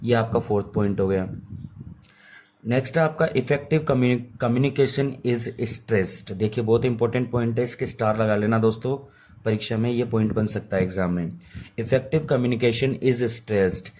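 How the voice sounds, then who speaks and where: A man who is unwell teaching an exam prep lesson in Hindi, slowly reading English terms aloud and repeating key points. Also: on the low side, darkish tone. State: unwell, voice sounds off.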